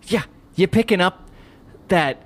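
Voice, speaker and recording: A high-pitched man co-hosts an improvised comedy podcast, narrating in a deadpan, rambling way with halting sentences that keep restarting.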